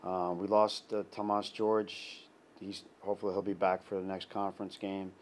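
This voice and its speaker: A middle-aged man, a head soccer coach, giving a halting post-game interview full of restarts and fillers. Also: low-pitched, flat delivery, a little hiss or hum. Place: indoor press backdrop. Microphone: clip-on lapel mic.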